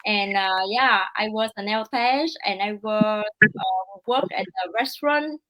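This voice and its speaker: A woman with a Vietnamese accent hosting a casual livestream over a video call, talking with many fillers and pauses. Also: medium pitch, lo-fi sound. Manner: hesitant, many fillers, broken English. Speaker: livestream host.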